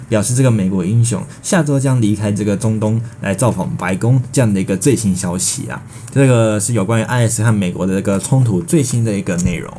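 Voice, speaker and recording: Low-voiced Taiwanese Mandarin breaking-news man. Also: warm tone, slight background noise. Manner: wordy, repeats filler phrases and restarts words mid-sentence. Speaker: news presenter. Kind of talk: breaking news reading, semi-scripted with ad-libbed bridging.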